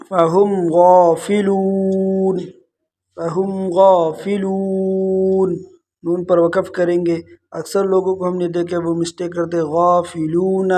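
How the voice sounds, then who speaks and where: High, flat-voiced male Quran teacher. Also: husky. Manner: explains mistakes, then recites slow drawn-out verses. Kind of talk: tajweed lesson with recited examples.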